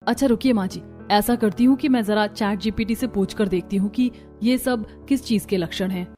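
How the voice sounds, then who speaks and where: A woman voicing a caring young daughter-in-law in an animated cartoon, speaking politely and eagerly. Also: mid-range voice, normal speed, faint music behind, natural voice. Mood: surprised.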